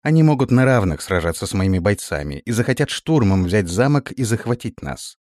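A man's voice: fairly low pitch, sing-song, fairly quick, a little mellow, no echo. Man doing a serious young elf girl explaining things firmly, dry close mic. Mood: earnest. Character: earnest, well-informed young elf woman.

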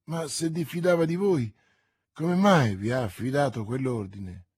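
A man's voice: mid-range voice, measured pace, a little mellow, husky, no room sound, studio quality. A man voicing a cunning noblewoman in an audiobook reading, her speech urgent and pleading. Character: cunning noblewoman, a scheming escaped prisoner.

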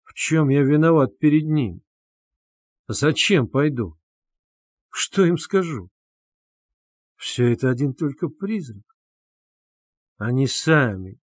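A man's voice: mid-range voice, darkish tone, no room sound, studio quality. A man playing a tormented young man who speaks bitterly and sardonically in an audiobook.

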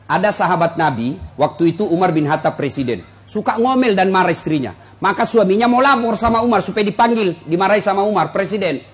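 A man preaching a humorous sermon to a live audience, addressing them directly and acting out quotes with big jumps in pitch. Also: fast talker, hardly any pauses. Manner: jokes, addresses listeners directly. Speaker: Islamic preacher.

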